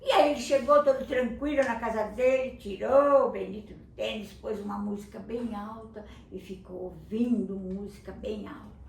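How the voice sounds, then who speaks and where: An older woman telling a children's story, animated, putting on voices for the characters. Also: medium pitch, normal speed, gravelly. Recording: echoey room from a distance, faint ambience.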